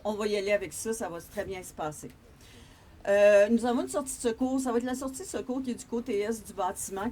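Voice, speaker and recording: A woman's voice: mid-range voice, darkish tone, slight background noise. A woman with a Québécois French accent giving a press conference statement, hesitant, with many fillers and restarts, switching between French and English. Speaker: library representative at a press conference.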